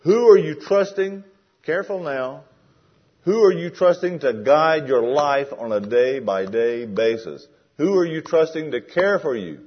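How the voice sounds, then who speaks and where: A man's voice: fairly high pitch, lively intonation, unhurried, dull audio. A man preaching a sermon in a conversational way that builds to emphatic questions.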